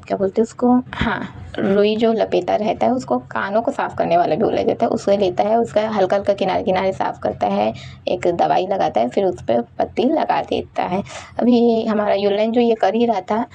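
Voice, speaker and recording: Brief: chatty woman storyteller, dark gravelly voice, loose conversational retelling. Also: mid-range voice, fairly even intonation, moderate pace. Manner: chatty, conversational, fillers like 'like'. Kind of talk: casual retelling of a fan story.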